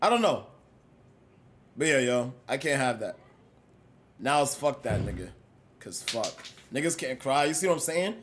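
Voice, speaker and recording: A young man livestreaming, chatting casually with his viewers in a slangy, rambling, animated way. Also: medium pitch, moderate pace, long pauses, slight background noise. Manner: animated, rambling, slangy, swings between loud and mumbled. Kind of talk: casual chat with live chat.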